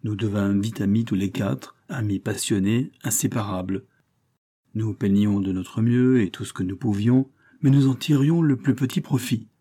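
A man narrating an audiobook in a measured, expressive storytelling manner. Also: lowish voice, husky.

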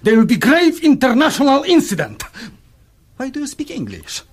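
An indignant Soviet diplomat in a screen drama. His Russian-accented voice is very high for a man and swings wildly as he blusters, pompous and flustered, in broken grammar. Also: wildly swooping pitch, moderate pace, breathy edge, heavily acted. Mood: affronted, demanding.

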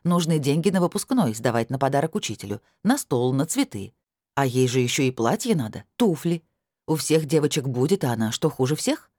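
A sharp-tongued, indignant woman, voiced by the woman reading the book scolds and bargains in a raised, animated voice. The sound is close and dry, as in a studio audiobook. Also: extremely low pitch, no echo, full character voice. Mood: businesslike. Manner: scolding, rapid listing of demands.

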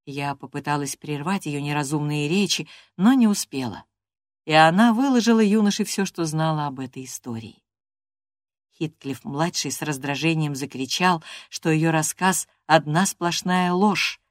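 Woman reading an old novel aloud, steady expressive narration, dry close mic. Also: sits low, no room sound. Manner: measured, expressive storytelling. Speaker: audiobook narrator. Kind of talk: literary narration in first person.

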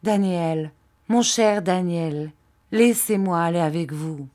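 An emotional, devoted aging widow pleading not to be left behind, put on by a woman reading a storybook. The delivery is unhurried and insistent, with the voice lifting as her plea grows urgent. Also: on the low side, mellow. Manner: imploring, emotional.

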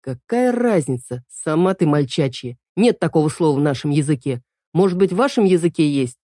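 Cheeky youth, offhand and teasing; low, mellow tone in a dry close sound, woman reader. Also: expressive, brisk, no echo. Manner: mocking, offhand. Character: teasing young man, cheeky and joking.

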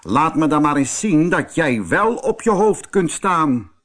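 Guy playing a cross big elephant from a kids story, slow and husky. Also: fairly low pitch, animated. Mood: challenging. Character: big male elephant, irritated.

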